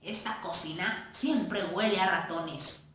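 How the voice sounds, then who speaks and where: Lady doing a grumpy dog complaining, slow, echoey. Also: fairly low pitch, fairly bright tone. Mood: scornful. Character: grumbling bossy dog. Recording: echoey room.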